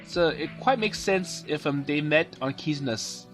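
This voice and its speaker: Game commentator, male, slightly higher voice, halting delivery full of fillers, faint game music behind. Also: lively intonation, fairly bright tone. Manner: hesitant, many fillers and restarts, paraphrasing dialogue. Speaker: let's play commentator. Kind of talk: casual game commentary, translating and summarizing the story.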